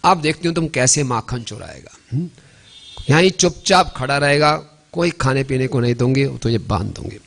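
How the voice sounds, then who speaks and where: A man's voice: mid-range voice, lively intonation, normal speed, creaky. A man voicing a loving mother of a naughty toddler, scolding him sternly and threatening to tie him up, in a told devotional story.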